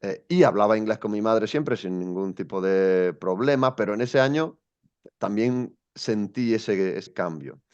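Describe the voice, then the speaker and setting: This young man from Spain, an education coach guesting in an interview, shares his story thoughtfully but hesitantly, often restarting. His voice is fairly low, darkish, clear and resonant, at a measured pace, though the recording is muffled.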